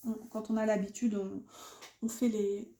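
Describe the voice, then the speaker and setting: A woman's voice: medium pitch, flat delivery, measured pace, dark tone, roomy sound. A woman giving a casual tarot reading, chatty and full of fillers and restarts. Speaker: tarot card reader.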